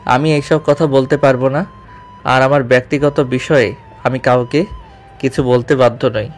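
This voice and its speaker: An actor playing a brooding young male office boss who speaks quietly and reproachfully. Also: medium pitch, fairly even intonation, a little slow, soft background music, natural voice. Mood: cold.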